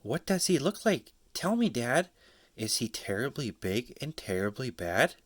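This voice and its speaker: A man's voice: medium pitch, big pitch swings, unhurried, no room sound. A man voicing a bold, curious young female monster child in a storybook reading. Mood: eager, pleading.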